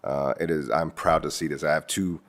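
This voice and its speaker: A man council member speaking off the cuff at a meeting, halting, with many fillers. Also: very deep voice, fairly even intonation. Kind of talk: unscripted meeting remarks.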